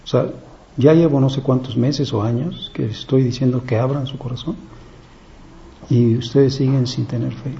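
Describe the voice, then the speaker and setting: A man's voice: mid-range voice, steady tone, moderate pace, vocal fry, mellow, lightly acted. A man reading the part of Jesus in a gospel passage, speaking with stern, exasperated reproach. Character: Jesus, weary grown man, stern and commanding. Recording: slightly dull, faint background noise.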